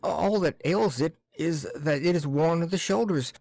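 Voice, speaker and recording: A man voicing a timid, stammering older male clerk who speaks in halting, broken-off phrases and pleads. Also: on the high side, creaky, a little mellow, no room sound, pitched above the performer's own voice. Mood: pleading.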